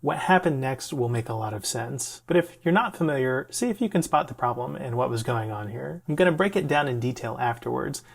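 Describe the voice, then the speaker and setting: A man's voice: medium pitch, lively intonation, a little fast, vocal fry, hardly any pauses. A man telling a personal story in a conversational, self-deprecating way, with the odd laugh. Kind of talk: storytelling vlog.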